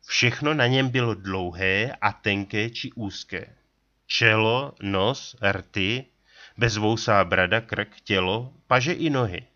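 A man reading an adventure story aloud in a steady, deliberate narrating style. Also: fairly low pitch, muffled recording. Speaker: audiobook reader.

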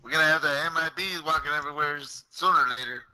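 Bright-voiced joking man. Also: on the high side, very fast, rough recording. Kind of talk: casual chat among gaming friends.

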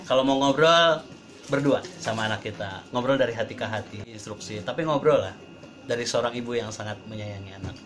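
A man's voice: mid-range voice, brisk. A man in his thirties, a parenting trainer, giving a casual talk to a live audience in a chatty way and acting out quoted parents. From Indonesia. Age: 30s. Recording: crowd heard around the speaker. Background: audience murmurs and laughs.

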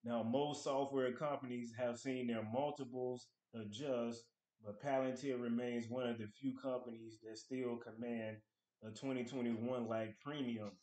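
A man's voice: mid-range voice, level tone, a little slow, warm tone. A man in his thirties, host of a finance channel, talking casually to camera at his desk at home, reading article excerpts aloud and commenting on them. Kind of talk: casual stock analysis talk to camera. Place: small room at home. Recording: echoey room.

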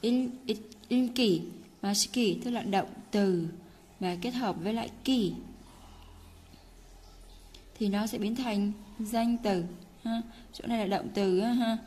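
A woman teaching Korean in a casual lesson, patiently repeating words slowly for learners. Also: mid-range voice, darkish tone. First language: Vietnamese.

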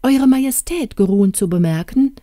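A woman's voice: fairly high pitch, lively intonation, normal speed, mellow, no room sound, clean studio sound, voice pushed up, lightly acted. A woman reading a courtly, formal fairy. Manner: formal and ceremonious. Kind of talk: storybook reading.

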